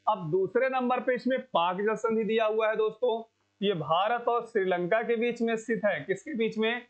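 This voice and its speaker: High-voiced man teaching exam prep. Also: moderate pace. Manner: repeats key answers, asks the class questions. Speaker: coaching teacher. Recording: dull lo-fi sound.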